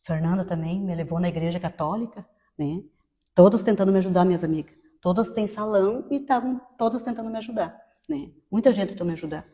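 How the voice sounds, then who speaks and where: A woman in her fifties giving a personal testimony in a conversational way, tagging many phrases with quick questions. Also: medium pitch, in a large hall, lo-fi sound. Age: 50s. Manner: conversational, tag questions after most phrases. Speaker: testimony speaker.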